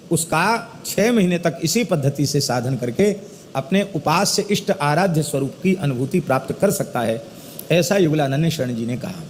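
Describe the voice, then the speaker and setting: A middle-aged man giving a religious discourse, chanting verses slowly and then explaining them with animated emphasis. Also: a little high. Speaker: spiritual teacher giving a discourse. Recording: echoey hall with faint ambient noise.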